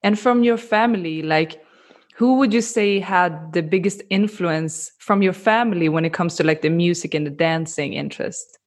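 A woman hosting a casual interview, asking questions loosely with many fillers. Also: fairly low pitch. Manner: casual, filler-heavy, quick reactions.

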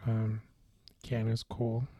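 A man co-hosting a podcast in casual beer-tasting chat, relaxed and hesitant, with many fillers and restarts. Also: fairly low pitch, slow pace, a little hiss or hum. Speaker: podcast co-host.

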